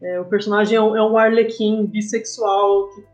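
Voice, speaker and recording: A woman with a Brazilian accent chats casually as a guest on a podcast, where she's interviewed as a comic artist. Her voice is medium-pitched, steady, a little mellow, and at normal speed. The sound is dull and lo-fi, with faint music.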